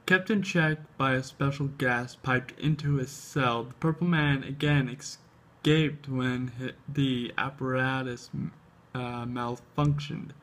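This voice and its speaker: A man hosting a comic book show, reading aloud haltingly with casual asides, his speech slightly tripped up by an overbite. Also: mid-range voice, steady tone, fairly bright tone. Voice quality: slight speech impediment from an overbite, tongue flicking at upper lip. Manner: halting reading, stumbles and repeats words.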